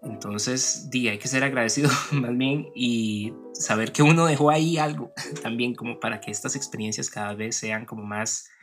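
Bright-voiced Costa Rican man speaking Spanglish. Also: mid-range voice, normal speed, soft background music. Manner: mixes English words into Spanish, Spanglish. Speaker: podcast co-host. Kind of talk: casual personal conversation.

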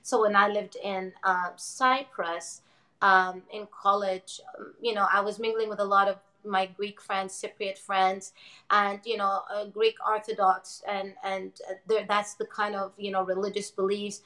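A woman in her forties from Jordan, a guest speaking earnestly and reflectively in a casual interview, with frequent restarts and soft laughs. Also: medium pitch, flat delivery, unhurried, low-quality recording. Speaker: interview guest, energy-healing teacher.

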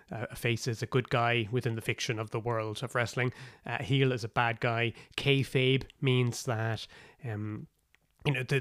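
A man's voice: mid-range voice, fairly bright tone, dry recording. Irish man hosting a podcast, dry close sound. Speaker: podcast host. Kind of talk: casual podcast introduction. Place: cabin in the woods.

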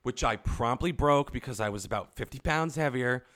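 Young male co-host, casual chat, animated storyteller, mid-pitched, curses freely. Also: moderate pace. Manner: animated storytelling, frequent swearing. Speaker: podcast co-host.

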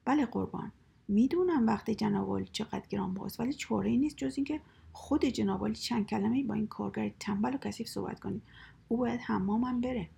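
A woman voicing a fawning male office deputy in a whispered role-play, flattering his superior over the phone. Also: on the high side, creaky, breathy edge, heavily acted.

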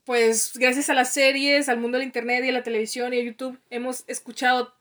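A woman's voice: high-pitched, flat delivery, fairly quick, a bit bright. A young woman with a Mexican accent co-hosting a casual podcast, chatty and laughing often. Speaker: podcast co-host.

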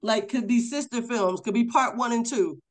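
A podcast co-host talking casually about a film, emphatic and quick to agree. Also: mid-range voice. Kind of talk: casual film review chat.

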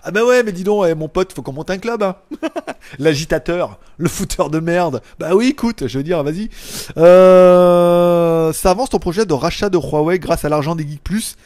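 A man chatting casually on a live stream, reading viewers' comments and joking, loud one moment and mumbling the next. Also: sits high, moderate pace. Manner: loud, jokey, trails off into mumbles and chuckles. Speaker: tech YouTuber hosting a live stream. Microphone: small clip-on mic.

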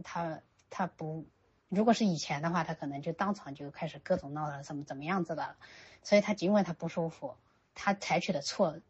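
A woman's voice: low voice, breathy edge. A woman, a parent, telling a parenting story in a casual way, acting out what people said, in a dull lo-fi recording. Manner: retells with quoted dialogue, many restarts. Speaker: parent sharing parenting advice.

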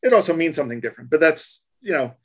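A man's voice: fairly high pitch, animated, quick pace. A man on a casual tech podcast, patiently explaining things and restarting his sentences. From United States. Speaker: co-host explaining voice tags.

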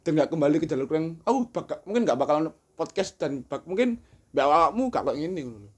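A man's voice: on the high side, sing-song, quick pace, husky. A young man, joking and laughing often in a casual podcast chat.

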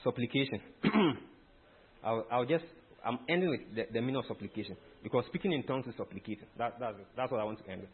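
A man's voice: mid-range voice, fast talker, husky. A man preaching a teaching sermon, emphatic and quizzing his listeners with questions. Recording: tinny phone-like sound.

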